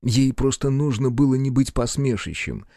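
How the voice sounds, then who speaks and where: A man narrating a novel chapter as an audiobook in steady storytelling. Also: medium pitch, moderate pace, dry recording, clean studio sound.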